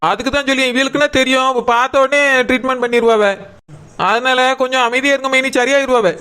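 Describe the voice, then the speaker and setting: A high, bright, smooth voice rattles along fast as a sly cartoon aunt, put on by a man. She wheedles and meddles and always has an excuse ready. The delivery is quick and crisp. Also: little pitch movement. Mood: wheedling. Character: sly meddling woman, gossipy sister-in-law. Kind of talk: cartoon voice acting.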